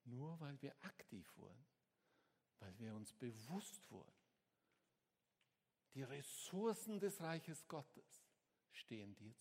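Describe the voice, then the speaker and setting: A man preaching a sermon as a pastor, swinging between hushed words and sudden shouts to his congregation. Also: mid-range voice, slightly rough, long reverb tail. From Switzerland.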